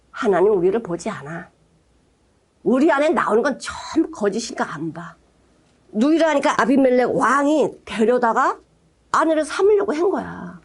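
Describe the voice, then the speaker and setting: A woman pastor preaching a sermon in an animated, blunt way, full of rhetorical questions. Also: high voice.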